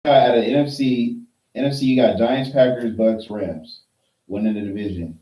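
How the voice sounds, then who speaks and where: A man's voice: medium pitch, normal speed, dark tone. A man co-hosting a podcast, laid back and thinking aloud as he lists his football picks. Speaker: podcast co-host. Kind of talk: casual sports chat. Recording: roomy echo, mic at a distance.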